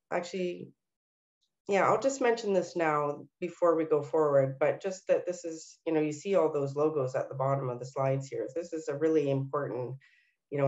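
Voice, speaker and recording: A woman's voice: low-pitched, darkish tone, highs cut off. A woman with a nasal voice, a senior city policy planner presenting a workshop over a video call, with frequent ums and uhs as she asks for the next slides. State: recovering from illness, nasal. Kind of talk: webinar presentation.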